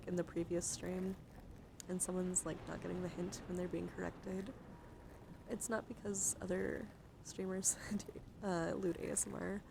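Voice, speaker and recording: There's background noise as a woman ASMR streamer talks casually to her viewers in slangy, chatty language. Her voice is on the low side, with vocal fry.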